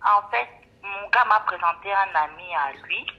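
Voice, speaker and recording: A woman calling in to an advice stream, speaking hesitantly with halting pauses. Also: medium pitch. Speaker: caller. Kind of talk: phone call-in. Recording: muffled phone line.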